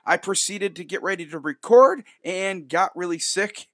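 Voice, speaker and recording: A man with a fairly high, forceful voice hosts a sports podcast. He talks casually and gives opinions emphatically, doubling phrases for punch. The sound is dry and close. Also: moderate pace, no echo. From Rochester, New York, United States.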